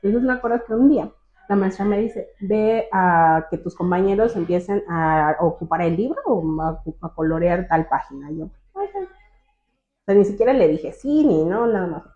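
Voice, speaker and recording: Animated young woman over a phone line. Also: on the low side, moderate pace. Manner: animated, acts out quoted voices of teachers and family. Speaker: guest. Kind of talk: personal storytelling in an interview.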